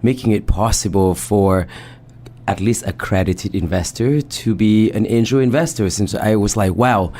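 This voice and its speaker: A man from Vietnam who grew up in the US, answering interview questions as a founder in a thoughtful, measured way. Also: on the low side, dark tone. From Vietnam, raised in the US Bay Area. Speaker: guest, company founder.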